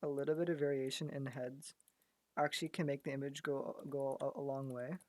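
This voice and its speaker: A man chatting casually as he works, talking through each step aloud. He is losing his voice, so it comes out a little worn. He stumbles and repeats words often, at a middling pitch. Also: flat delivery, a little fast, darkish tone, no echo. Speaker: graphic artist. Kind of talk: casual commentary while working.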